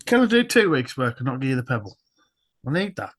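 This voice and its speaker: A man, a player acting out his character in a tabletop game, excitable and a bit whiny. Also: mid-range voice, fast. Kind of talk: casual in-character game play.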